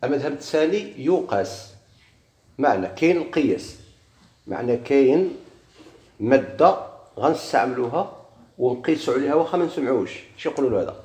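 A man's voice: medium pitch, animated, brisk, pauses often, darkish tone. Moroccan man teaching in an echoey room. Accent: Moroccan Arabic. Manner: asks questions and answers them himself, repeats key words. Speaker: grammar teacher. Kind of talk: classroom lesson on Arabic grammar. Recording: echoey room with faint noise.

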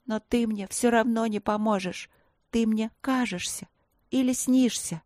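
A woman voicing a frightened, chattering young girl seer who talks quickly and pleads. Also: fairly high pitch, no room sound, clean studio sound, pitched above the performer's own voice, lightly acted. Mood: plaintive. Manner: rapid, pleading, excitable.

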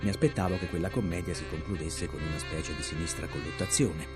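A man reading a novel aloud as an audiobook narrator, with an expressive, theatrical delivery. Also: sits low, quick pace. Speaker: audiobook reader. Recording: narration over clear background music.

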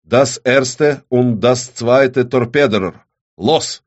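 A man's voice: medium pitch, animated, drawn-out words, voice pushed up. A man voicing a dead German submarine crewman who gives detached, clipped reports. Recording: dull lo-fi recording.

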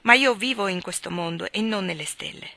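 A woman's voice: medium pitch, fairly quick, bright, forceful tone, dry recording. A woman reading aloud as a practical young woman who answers sharply and defensively.

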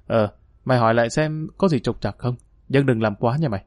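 Gruff older boss, blunt and curt, man voicing him, dry sound. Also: medium pitch, brisk, a little mellow, no echo, natural voice.

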